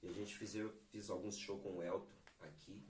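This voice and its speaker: A man's voice: deep voice, flat delivery, normal speed, a little hiss or hum. A man from Brazil, a guest singer-songwriter, telling stories in laid-back slang in a podcast chat. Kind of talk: podcast chat with live singing. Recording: roomy, mic at a distance, guitar behind.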